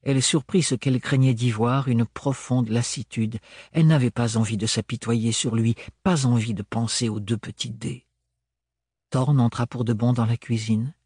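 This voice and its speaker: A man narrating an audiobook in a measured, even reading. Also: medium pitch, husky, no room sound, studio quality.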